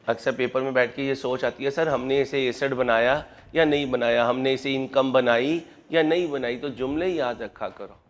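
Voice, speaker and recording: Animated male accounting lecturer, high voice. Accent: Pakistani Urdu. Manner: animated, addresses students as "beta", acts out student objections. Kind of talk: classroom lecture.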